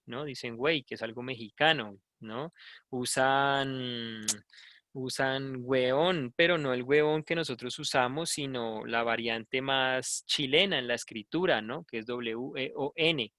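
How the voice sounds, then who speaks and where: A man's voice: mid-range voice, a bit bright, no echo, clean studio sound. A Colombian man teaching a language class, talking in a conversational way and often checking in with tag questions. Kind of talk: online class lecture.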